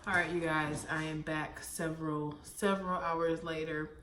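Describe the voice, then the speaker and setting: A woman's voice: low voice, level tone, moderate pace, fairly bright tone. Young woman vlogger, breathless and chatty, rambling with lots of fillers, faint background hiss. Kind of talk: casual vlog chat. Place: parked car; home kitchen.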